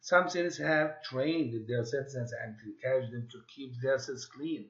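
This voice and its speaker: A man teaching an English class, reading the text aloud and modeling question intonation for his students. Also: medium pitch. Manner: switches between English and quick Arabic explanations, models intonation. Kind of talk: classroom lesson. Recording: roomy, dull lo-fi classroom audio.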